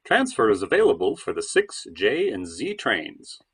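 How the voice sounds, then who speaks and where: A man's voice: on the low side, wildly swooping pitch, normal speed, breathy edge, full character voice. A man playing an automated subway announcer in a stage reading, giving transit announcements. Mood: announcing. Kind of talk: transit announcement in readers theatre.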